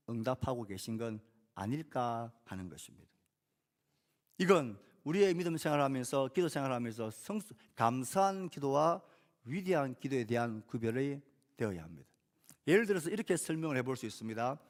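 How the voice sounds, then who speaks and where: A male pastor preaching a sermon in a measured way, lifting key phrases and letting sentences fall softly, with rhetorical questions to the congregation. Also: mid-range voice.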